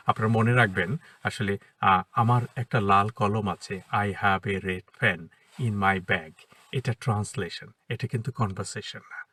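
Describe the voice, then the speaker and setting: Lively, breathy man teaching from his car. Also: medium pitch, no room sound, far from the mic. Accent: Bengali. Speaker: English teacher, academy founder. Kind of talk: casual spoken lesson to camera. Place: inside a parked car.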